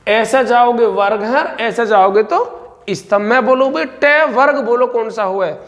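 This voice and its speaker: Brisk male Hindi teacher in a reverberant room. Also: very high-pitched, a bit bright. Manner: brisk, repeats points, addresses students as bhai. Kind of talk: exam-prep lesson.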